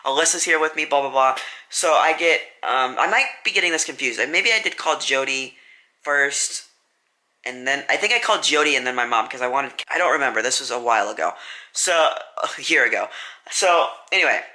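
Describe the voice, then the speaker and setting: Young guy, casual storytime vlogger, bright voice, rambly and self-correcting. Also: medium pitch, lively intonation, brisk. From US Midwest.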